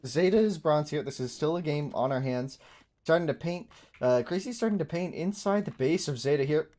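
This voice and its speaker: A man's voice: a little high, darkish tone. A man casting a live strategy game match, chatty, laughing easily and talking to his chat. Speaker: esports commentator.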